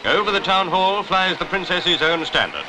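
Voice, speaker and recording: Here a high-pitched male newsreel narrator swings widely in pitch while reading 1950s commentary at normal speed in crisp, formal Received Pronunciation with a jaunty lilt. Music sits behind him on a poor-quality vintage soundtrack.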